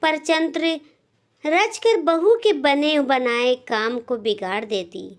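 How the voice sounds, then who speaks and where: Telling a scripted moral story, this storyteller uses a high voice and pauses frequently between carefully paced phrases.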